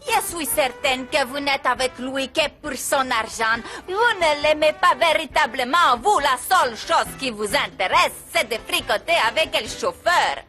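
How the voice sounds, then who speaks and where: A woman's voice: sits high, lively intonation, normal speed, few pauses, pushed and bright, soft background music. An actress voicing a reluctant, skeptical young woman who is talked into playing a mistreated maid. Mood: defiant. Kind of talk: dubbed telenovela acting.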